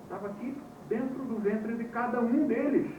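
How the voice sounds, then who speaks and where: On this old VHS tape, a course instructor delivers a classroom lecture in a very high voice at a moderate pace. He tells wry stories and tests his students with questions. The mic was distant, leaving the audio muffled, echoey and noisy.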